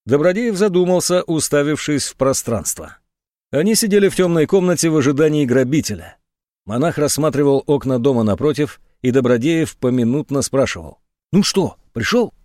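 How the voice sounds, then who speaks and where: A male audiobook narrator reading with expressive, ironic storytelling. His pitch moves a lot, and the close mic gives a dry, intimate sound. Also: brisk, no room sound. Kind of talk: scripted narration.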